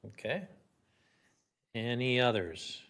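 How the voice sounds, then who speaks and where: A man's voice: medium pitch, slow, fairly bright tone. A man from Minnesota chairing a parks commission meeting in a council chamber, plain and procedural with slight halts.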